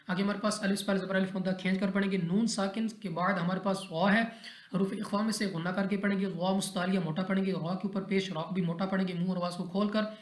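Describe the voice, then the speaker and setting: A man teaching Quran recitation rules step by step in a methodical, repetitive way, often checking in with his listeners. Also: high voice. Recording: echoey roomy recording.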